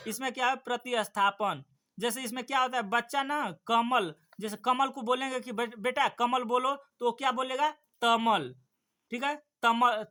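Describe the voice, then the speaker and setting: A man's voice: very high voice, bright, forceful tone. A young man teaching an exam-prep lesson, asking the class questions and answering them himself. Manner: repetitive, rhetorical questions then answers.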